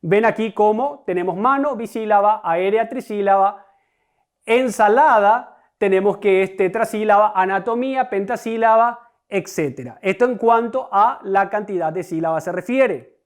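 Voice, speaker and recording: In this recorded online grammar class, the teacher's voice sits at a medium pitch. The delivery is unhurried and explanatory, circling back to the main ideas and addressing the students head-on.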